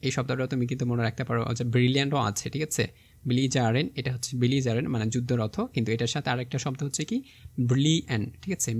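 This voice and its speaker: A man's voice: medium pitch, breathy edge. A young man with a Bangladeshi Bengali accent teaching an exam vocabulary lesson, spelling words out step by step and checking in with his students often.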